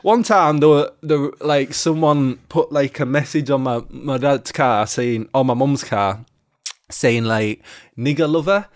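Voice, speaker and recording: A man from England, a podcast guest, tells his life story in loose, candid, casual talk. He swears freely and fills his speech with "you know" and "like." His voice sits at medium pitch and runs a little slow.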